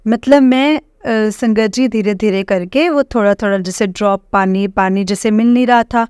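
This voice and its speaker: Halting middle-aged woman, smooth dry voice. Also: mid-range voice, a little mellow, dry recording. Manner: hesitant, halting, addresses listeners as congregation. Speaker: devotee sharing testimony. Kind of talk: devotional testimony to a congregation.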